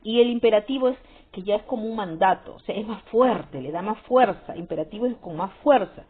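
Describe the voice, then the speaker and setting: A woman's voice: mid-range voice, fairly quick, slightly rough. A woman teaching a grammar lesson, often checking understanding with short questions. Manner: repetitive, checks with frequent "¿sí?" and "¿no?". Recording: tinny phone-like sound with faint music.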